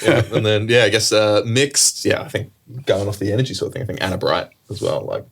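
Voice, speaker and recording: A man co-hosting a podcast, animated in his telling and quick to laugh. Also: lowish voice, vocal fry, breathy edge. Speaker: podcast co-host. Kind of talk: casual chat.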